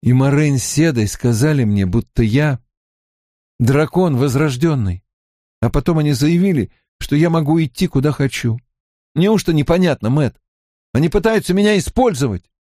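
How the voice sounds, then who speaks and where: A man's voice: a little high, animated, moderate pace, dark tone, dry recording, studio quality, pitched above the performer's own voice, close to an everyday voice. A man voicing a troubled young man who speaks heatedly in an audiobook reading.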